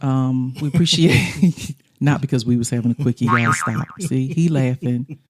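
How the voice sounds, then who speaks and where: A woman's voice: very deep voice, normal speed. A middle-aged woman co-hosting a casual podcast chat in a studio, talkative and laughing often. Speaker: podcast co-host.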